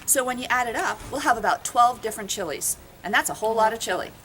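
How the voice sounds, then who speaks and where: Upbeat higher-voiced woman announcer. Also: animated, fast, a bit bright, slight background noise. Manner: upbeat, reads from a script. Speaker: event co-chair. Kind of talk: scripted announcement.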